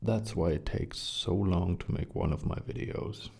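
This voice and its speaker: Guy doing soft spoken asmr chat, deep mellow voice, kinda breathy, right up on the mic. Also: a little slow. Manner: gentle, hushed, relaxed delivery. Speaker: ASMR video creator. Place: small quiet rented studio room. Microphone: close shotgun condenser mics.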